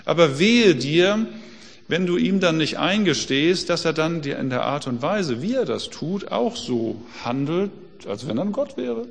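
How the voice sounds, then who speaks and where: Guy preaching, kinda high voice, chatty with lots of questions, big echoey hall. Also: expressive, measured pace, gravelly. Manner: conversational, asks rhetorical questions. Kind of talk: sermon.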